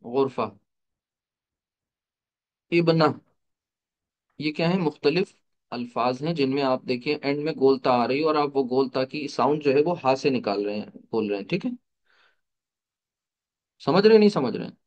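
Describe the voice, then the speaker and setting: A man's voice: medium pitch, expressive, brisk, darkish tone, highs cut off. A man teaching an online class, explaining step by step, asking rhetorical questions and mixing English terms into his explanations. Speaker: Arabic teacher.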